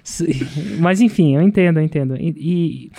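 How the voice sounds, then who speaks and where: Animated high-voiced Brazilian man. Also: moderate pace. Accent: Brazilian Portuguese. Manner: animated storyteller, laughs often. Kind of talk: casual chat.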